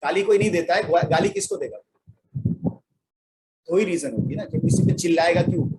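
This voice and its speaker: A man with a notably high speaking voice leads a workshop on couples and their arguments. He talks to the audience in a loose, conversational way, tossing out questions and little jokes. There is a faint hiss of noise under his voice. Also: darkish tone, low-quality recording. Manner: playful, jokes with listeners. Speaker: relationship coach. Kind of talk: workshop talk.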